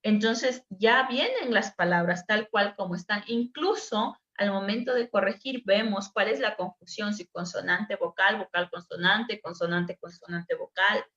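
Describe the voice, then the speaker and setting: A woman's voice: mid-range voice, measured pace, hardly any pauses, a bit bright. A woman teacher, patiently explaining a dyslexia assessment to a workshop group over a video call. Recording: echoey room, dull lo-fi sound.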